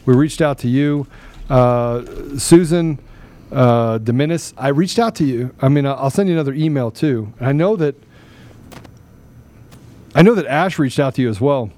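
A man with a warm, mid-range voice hosts a live political talk show at a normal speed, keeping the tone casual. He tends to repeat phrases for emphasis and sometimes reads questions aloud.

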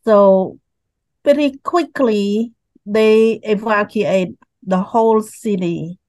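An older woman from Cambodia with a Cambodian accent, slowly and haltingly telling her life story as a guest over a video call. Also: mid-range voice, a little mellow, no echo, rough recording. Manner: slow, halting, repeats words.

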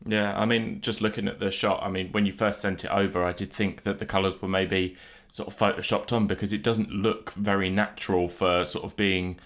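A man's voice: fairly low pitch, level tone, brisk, a bit bright. A man hosting a podcast in a casual, conversational interview style. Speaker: podcast host.

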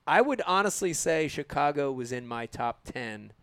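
Creaky-voiced enthusiastic man chatting about fishing. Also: on the high side, expressive, normal speed, a bit bright, no echo. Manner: enthusiastic, emphatic, repeats himself for emphasis. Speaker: fishing show host. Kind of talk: casual group chat about fishing.

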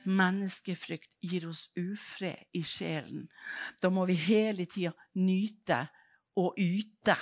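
A woman from Norway preaching a sermon, telling stories and acting out the people in them. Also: lowish voice. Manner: animated storytelling, acts out dialogue.

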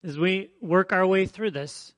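A man's voice: high voice, unhurried, fairly bright tone, no room sound. A man preaching a conversational sermon as pastor, emphatic and fond of repeating his phrases.

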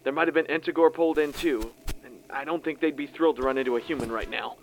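In a science fiction audio drama, a man plays a prickly tactical officer who trades sarcastic, argumentative jabs with a rival while sounding wary. His voice is fairly high and fast, lightly acted, on a rough recording with clear vehicle-like noise in the background.

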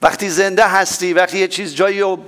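A male pastor preaching a sermon with strong swings in loudness and pitch, repeating phrases for emphasis. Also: steady tone, soft background music.

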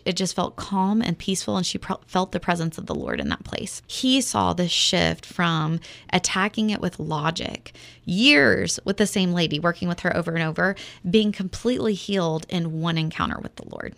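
A woman co-hosting a faith podcast tells a story in an earnest, casual way, with frequent fillers. Her voice sits low and carries a lot of vocal fry. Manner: earnest, many fillers, acts out quoted dialogue. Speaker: podcast co-host.

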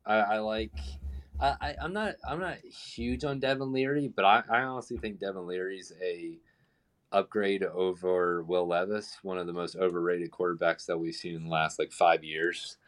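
A man with a deep, low voice is heard calling in over the phone, a little distant from the mic. He gives his picks in a loose, casual way and often stammers over the opening words of his sentences. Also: steady tone, moderate pace. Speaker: co-host giving betting picks. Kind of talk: casual sports betting chat.

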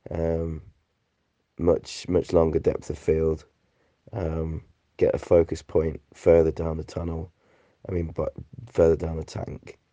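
A British man sick with flu and a phlegmy cough rambles casually through a sweary, slangy, laid-back voice note. His voice is very deep, monotone, warm, slow, and rattly and chesty, captured as a dry, dull lo-fi recording.

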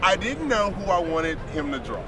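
A man's voice: high voice, big pitch swings, normal speed, over a noisy crowd. A man co-hosting a podcast in casual, slangy chat, recorded in a busy convention hall. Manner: slangy and laid-back in wording. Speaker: podcast co-host. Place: busy convention show floor. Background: loud convention hall ambience.

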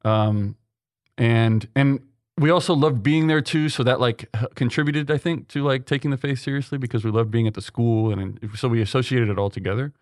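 Fairly quick and mid-range, the voice belongs to a young man from Texas, USA, a seminarian being interviewed in a conversational way. His earnest answers are full of ums and restarts, and the recording is dry with clean studio sound.

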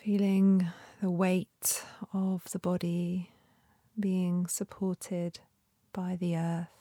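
Slow, soft-spoken woman guiding meditation. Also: on the low side, level tone, no echo, studio quality. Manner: gentle, soothing, unhurried instruction with long pauses. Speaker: meditation guide. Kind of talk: guided meditation.

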